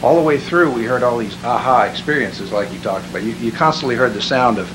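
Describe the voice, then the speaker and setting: A man telling a seminar testimonial as an animated storyteller who chuckles at his own jokes. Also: medium pitch, quick pace. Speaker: seminar attendee giving a testimonial. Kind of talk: spoken testimonial. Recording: hissy background noise.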